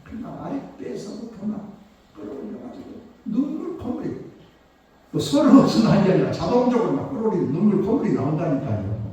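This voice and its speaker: An older male pastor preaching a sermon, telling a personal story with emotion, swinging from hushed tones to loud exclamations. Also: sits high, very animated, brisk. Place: church sanctuary. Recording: echoey church hall, mic at a distance.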